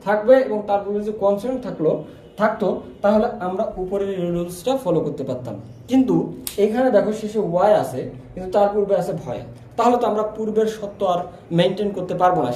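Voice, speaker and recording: Fast, high-voiced man teaching grammar. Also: dark tone, echoey room. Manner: questions and answers himself, repeats key words. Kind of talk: recorded classroom-style lesson.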